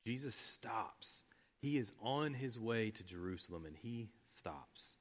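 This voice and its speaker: A man preaching a sermon, explaining scripture with emphatic repetition, at times dropping to a hush. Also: lowish voice, animated, measured pace. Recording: long reverb of a large hall.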